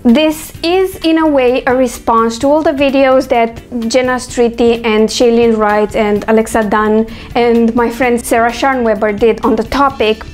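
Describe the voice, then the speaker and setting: A woman's voice: on the high side, fairly even intonation, measured pace, faint music behind. Woman musing in a vlog. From Romania. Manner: thoughtful, chatty, with frequent fillers. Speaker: author and vlogger. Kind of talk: casual talking-head vlog.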